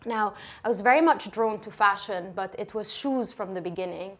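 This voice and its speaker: A Lebanese shoe designer in her thirties speaks softly in a relaxed interview, her voice medium-pitched and her pace normal. Her talk is full of fillers and restarts.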